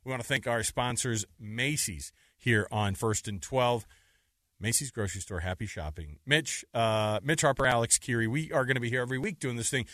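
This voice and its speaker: A chatty man co-hosts a sports podcast, running through the week's games in easy, casual talk. His voice has a bright, forceful edge, and the dry mic puts him close and clear. He laughs easily between points. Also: mid-range voice, moderate pace, no room sound.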